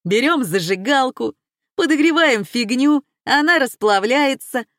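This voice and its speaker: A woman voicing a brash, flippant man who mocks the others, pitched noticeably higher than her narration. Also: animated, unhurried, a bit bright, no echo, clean studio sound. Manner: flippant, mocking. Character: brash mocking man, quick to laugh.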